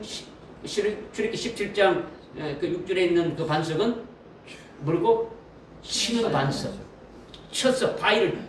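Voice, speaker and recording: A man preaching a sermon as pastor, often asking the congregation questions and repeating key phrases. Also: high-pitched. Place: church sanctuary. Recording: roomy echo from a distant mic with faint noise.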